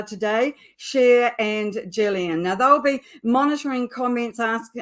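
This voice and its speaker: A middle-aged host with a New Zealand accent and a medium-pitched voice opens a live online business show. Her scripted introduction is measured and emphatic.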